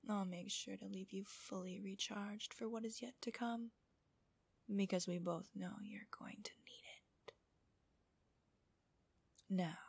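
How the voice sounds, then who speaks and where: A woman narrating an adult ASMR audio in a soft, breathy whisper, with a slow, intimate and teasing manner. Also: mid-range voice, no room sound. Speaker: host of erotic relaxation audios.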